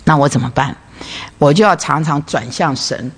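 A woman's voice: deep voice, normal speed, slightly rough. A woman preaching a sermon, asking rhetorical questions and acting out everyday conversations. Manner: asks rhetorical questions and acts out everyday dialogue.

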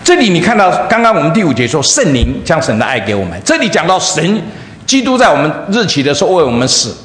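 A man pastor preaching a sermon, telling a story in an animated way that swings from loud highs to soft lows, heard in a church hall. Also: quick pace. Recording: echoey hall, faint room noise.

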